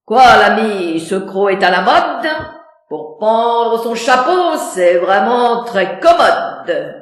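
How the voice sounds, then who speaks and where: A woman's voice: a little high, very animated, slow, heavy reverb. A woman playing a proud, mocking theatrical swordsman, declaiming verse like a hammy stage actor. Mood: forceful, mocking.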